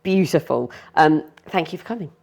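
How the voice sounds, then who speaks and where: A woman's voice: low-pitched, lively intonation, moderate pace, vocal fry, a little mellow. A woman hosting an interview, effusive and enthusiastic in her questions. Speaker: interviewer, host.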